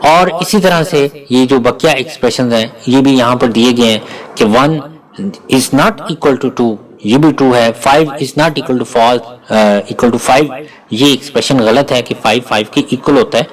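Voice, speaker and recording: A man giving a recorded programming lecture, explaining each operator slowly and deliberately. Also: medium pitch, rough recording. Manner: slow, deliberate, often pauses to spell out each operator. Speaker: programming teacher.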